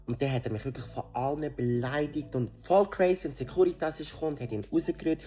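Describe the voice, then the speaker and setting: A young adult with a Swiss German accent tells a personal story straight to camera in a lively, casual way. They act out both people in the conversation, shifting between voices. When indignant, the pitch leaps up sharply. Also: fast, faint music behind. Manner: animated, acts out both sides of the dialogue, voice leaps up when indignant.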